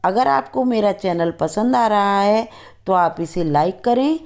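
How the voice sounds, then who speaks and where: A woman's voice: medium pitch, expressive, a little mellow. A woman teacher giving a grammar lesson to children, saying each word carefully and then repeating it. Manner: slow, deliberate, repeating each word twice.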